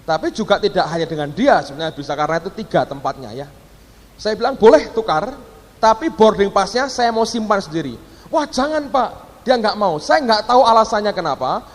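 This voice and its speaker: Animated high-voiced pastor preaching in hall. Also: male voice, brisk. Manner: animated, acts out quoted voices, addresses congregation as "saudara". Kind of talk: sermon storytelling. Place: large church hall. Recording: church hall with long reverb.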